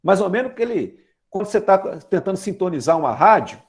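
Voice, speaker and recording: Fairly quick, with big pitch swings in a high voice, a Brazilian man in his forties delivers a conversational sermon in a Brazilian Portuguese accent. The lay preacher asks the congregation questions and relies on everyday examples.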